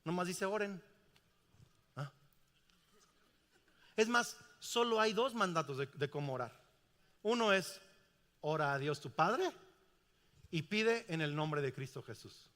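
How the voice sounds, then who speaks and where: A man's voice: fairly high pitch, takes it slowly, long pauses, big-room sound. A middle-aged man preaching a sermon in a large church, asking the congregation questions. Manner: animated, asks the congregation questions. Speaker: pastor.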